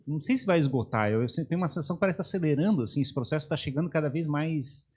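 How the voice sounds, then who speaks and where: A podcast co-host in a casual interview, talking in a rushed way while searching for words. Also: mid-range voice, darkish tone, husky.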